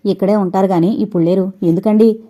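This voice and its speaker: A woman's voice: medium pitch, fairly even intonation, fast talker, mellow, natural voice. A woman voicing a distressed middle-aged mother who speaks with bitter, tearful sarcasm.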